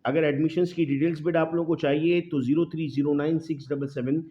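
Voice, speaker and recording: A male teacher giving a recorded video lecture in a slightly high voice. He talks to his students in a fatherly way and reads example sentences slowly, word by word. The audio is a little dull and lo-fi. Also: steady tone. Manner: slows down to read English example sentences word by word; addresses students as "beta". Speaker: English teacher.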